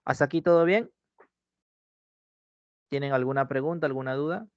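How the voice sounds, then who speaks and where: This Peruvian man, speaking at medium pitch and a moderate pace, teaches an online pre-university language class. He often repeats his key phrases and checks in with "¿sí?". The recording has a dull, dry lo-fi mic sound with no room sound.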